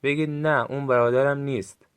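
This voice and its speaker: In this recorded language lesson, a male teacher with a Gilaki accent says short phrases slowly and clearly so listeners can repeat them. His voice sits at a medium pitch with fairly even intonation.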